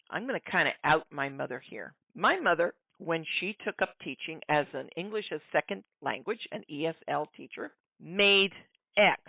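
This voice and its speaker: A woman's voice: fairly low pitch, dry recording. A middle-aged woman giving a sarcastic political commentary monologue, often calling her listeners folks. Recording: dry, tinny phone-like sound.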